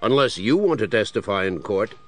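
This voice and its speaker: An actor playing an apologetic, reasonable police commissioner in a children's superhero audio drama. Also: male voice, on the low side, expressive, a little fast, lightly acted. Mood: apologetic, frustrated.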